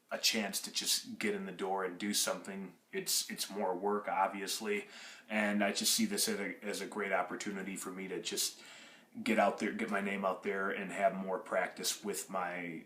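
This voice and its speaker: A man's voice: deep voice, fairly bright tone, roomy sound. A young man in his twenties, from Russia and raised in Michigan, answering audition interview questions in a rambling way, with many restarts and fillers. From Russia, grew up in Michigan. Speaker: acting applicant.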